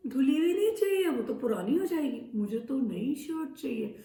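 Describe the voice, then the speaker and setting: A woman's voice: fairly high pitch, animated, normal speed, creaky, mellow, echoey room, far from the mic. A woman doing a cheeky greedy monkey. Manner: sing-song, demanding, mischievous.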